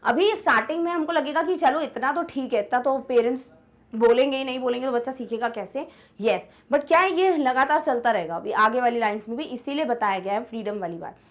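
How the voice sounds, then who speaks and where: A young woman teacher explaining an English poem in a chatty way, often checking whether students follow and reading the English lines slowly. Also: sits high. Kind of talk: online lesson explaining an English poem in Hindi.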